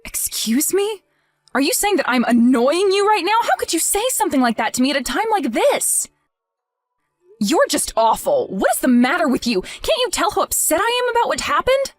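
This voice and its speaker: A heartbroken young wife, voiced by a woman, pleads in a high, lively voice in a voice-acted text-message drama. Her pitch swings widely as her hurt builds. Faint music plays underneath. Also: normal speed. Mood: hurt, pleading. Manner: emotional, pleading, voice rising and falling.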